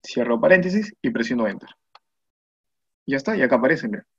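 A man's voice: mid-range voice, very animated, a little fast, fairly bright tone, slightly rough. A man with a Peruvian Spanish accent teaching a spreadsheet class as a screen tutorial, patiently talking through each step and often checking in with his viewers. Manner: patient step-by-step explaining, asks "¿no?" and "mira" often. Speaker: spreadsheet instructor. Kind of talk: screen-recorded software tutorial. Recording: muffled lo-fi voice recording.

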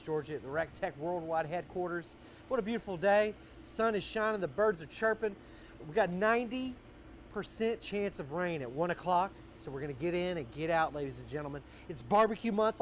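Middle-aged American man, jolly grill-dad cooking host, high-pitched voice, outdoors with some background noise. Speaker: host, barbecue cook. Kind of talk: live cooking show presentation. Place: outdoor wooden deck.

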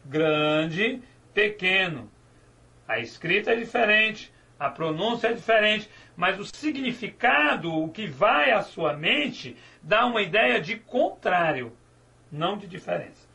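A man's voice: high-pitched, animated, measured pace, creaky, sharp tone. A male teacher giving a grammar lecture, asking and answering his own questions and drawing out key words. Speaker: Portuguese teacher.

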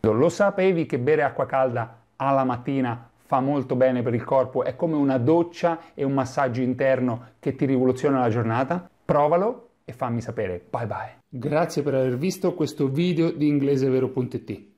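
A man from Italy teaches English in a lively video lesson, modelling pronunciations and chuckling now and then. His voice is mellow and warm, in a middle pitch. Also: normal speed, hardly any pauses. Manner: lively, demonstrative, chuckles often.

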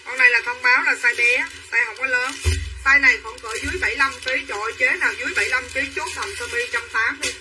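Selling clothing over a livestream, this woman rattles off a very fast, repetitive hard-sell patter, calling out to buyers by name. Her fairly high voice sounds bright and pushed. The mic is distant, the audio poor, with slight room noise in the background.

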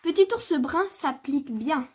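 A woman reading a picture book aloud for children, clear and expressive, as the storyteller. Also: high voice, measured pace.

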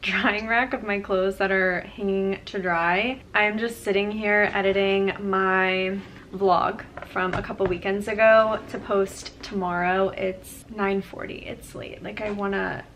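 Young woman vlogger in her twenties, casual late-night to-camera chat, fairly flat delivery, faint room hiss. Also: mid-range voice, a little slow. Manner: chatty, lots of "like" fillers. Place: small bedroom at a desk.

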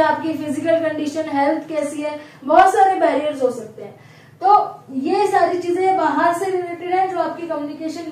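A woman lecturer with a high voice explains each point patiently, often pausing to check the class is following. She sounds set back from the microphone, and the bare room gives her words a strong echo. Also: a little mellow. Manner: explanatory, mixes English terms, frequent "ठीक है" check-ins. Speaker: psychology lecturer. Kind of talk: recorded classroom lesson. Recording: very echoey room, voice from a distance.

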